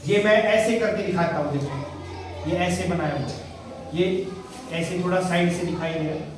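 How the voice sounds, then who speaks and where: In a very echoey and noisy classroom, recorded from a distance, a man teaching primary school asks young pupils questions and echoes their answers. He speaks at a normal speed in a high-pitched voice.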